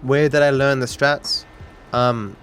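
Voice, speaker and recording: A man with a cultivated Australian accent close to British, chatting casually and rambling with deadpan humor as he hosts a gaming stream. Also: mid-range voice, slow pace. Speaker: livestream host, speedrunner. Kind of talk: casual chat while gaming. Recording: music behind the voice. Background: music.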